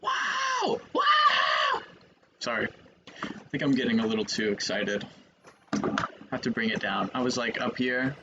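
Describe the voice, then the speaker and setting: A young man streaming a video game, chatting and reacting in an excitable way. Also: on the low side, a little fast, muffled recording, background noise. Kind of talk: live game commentary.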